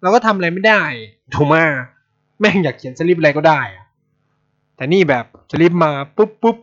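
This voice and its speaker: A man's voice: high voice, a little fast. Thai guy ranting casually on a podcast, swears a ton, dull lo-fi recording. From Thailand. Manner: blunt, swears a lot, animated. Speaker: podcast host. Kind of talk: casual storytelling chat. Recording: dull lo-fi sound.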